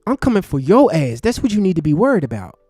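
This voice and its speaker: A man giving impassioned, profane livestream commentary from his desk, swinging between loud outbursts and low, intense talk. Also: very animated, quick pace, slightly rough, dry recording, studio quality, faint music behind. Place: home desk. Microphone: desk mic.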